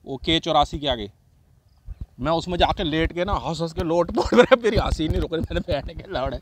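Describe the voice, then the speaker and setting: A man's voice: on the high side, brisk, a little hiss or hum. A man telling a crude neighbourhood story in casual profane chat, often breaking into laughter. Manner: laughs often, heavy swearing, quotes neighbours.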